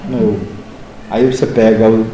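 A man's voice: lowish voice, moderate pace, slight background noise. A man in his fifties from the interior of São Paulo, a literature teacher telling stories in a casual interview and acting out dialogue. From interior of São Paulo state, Brazil. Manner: animated, acts out dialogue in other voices. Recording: roomy echoing room.

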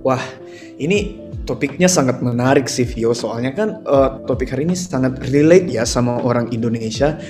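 A man's voice: medium pitch, normal speed, darkish tone, faint music behind. Upbeat young male podcast co-host. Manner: upbeat, mixes English words. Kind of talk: casual podcast hosting.

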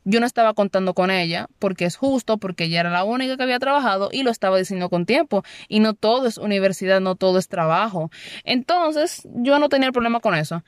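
A woman telling a story casually, animated and sarcastic, switching between Spanish and English. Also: mid-range voice, fast, smooth, no room sound, clean studio sound. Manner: exasperated, sarcastic asides. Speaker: university student.

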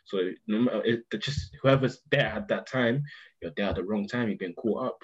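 A man's voice: on the low side, brisk, dull audio, slight background noise. A young man with a London roadman accent, telling things emphatically in casual, slangy banter.

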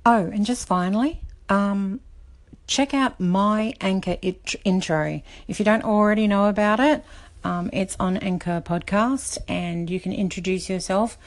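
A woman's voice: medium pitch, unhurried. A middle-aged woman from Australia hosting a casual podcast, chatty and rambling with many fillers. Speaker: podcast host.

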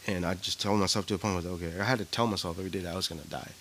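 A man's voice: low-pitched, fairly even intonation, racing, fairly bright tone, slight background noise. A man co-hosting a podcast, talking candidly and from the heart, often repeating himself. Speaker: podcast co-host. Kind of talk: casual chat.

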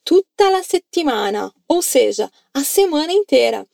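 A woman's voice: high-pitched, big pitch swings, normal speed, gravelly, a little mellow, dry recording, studio quality. A woman with a Brazilian Portuguese accent teaching an Italian lesson, coaxing listeners to repeat phrases after her. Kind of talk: language lesson narration.

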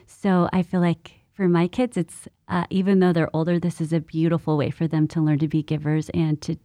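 A woman's voice: low voice, flat delivery, a little fast, warm tone, no room sound. A mother appearing as a guest on a podcast, talking earnestly and gushingly with many fillers.

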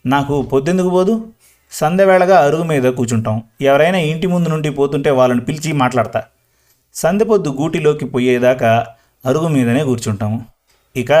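Man playing talkative old village granny, slow and rambling, storybook. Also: medium pitch, darkish tone, close to an everyday voice. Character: chatty old village grandmother, talkative and proud. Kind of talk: storybook reading.

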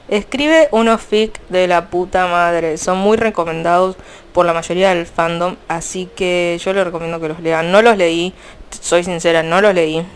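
A young woman with an Argentine accent, chatting casually about fanfiction in a rambling, animated way. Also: on the low side, clear, resonant tone. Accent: Argentine Spanish. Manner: chatty, rambling, frequent restarts and fillers. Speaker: fanfiction vlogger. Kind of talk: casual chat.

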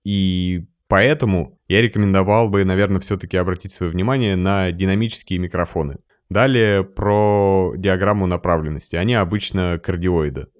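A sound engineer explains microphones in a relaxed podcast conversation, practical and explanatory with lively emphasis. His voice sits low and moves at a moderate pace, recorded at studio quality with no room sound.

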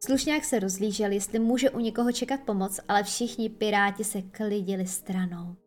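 A woman narrating an audiobook with lively, expressive storytelling. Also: mid-range voice, soft background music. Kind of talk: audiobook reading.

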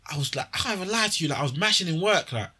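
A man's voice: on the high side, very fast, slightly rough. A young man with a London roadman accent, chatting casually and telling stories in heavy street slang. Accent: London roadman (Multicultural London English). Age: young adult. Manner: animated retelling, heavy street slang, repeated "like". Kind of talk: casual chat, slangy storytelling.

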